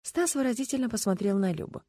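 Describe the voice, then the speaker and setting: A woman narrating an audiobook in an expressive, storytelling manner. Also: a little high, fast. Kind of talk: scripted narration.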